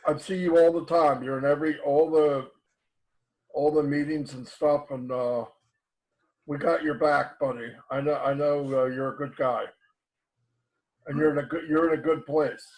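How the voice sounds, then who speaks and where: Chill guy hosting a video call, reassuring tone, slightly high voice. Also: steady tone, moderate pace, darkish tone, poor audio. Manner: reassuring, easygoing. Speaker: host. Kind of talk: casual chat on a video call.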